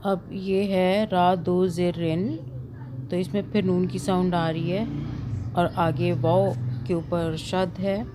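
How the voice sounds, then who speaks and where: A woman teaching Quran reading, patiently spelling out and repeating syllables in a slow lesson. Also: on the low side, little pitch movement, background noise. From Pakistan.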